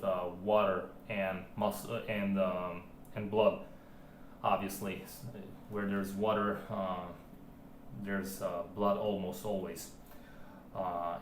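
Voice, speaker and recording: A man vlogging casually about his home arm workout, rambling with many fillers and restarts. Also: low voice. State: out of breath. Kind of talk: casual filmed chat. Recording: roomy home recording, faint background hiss.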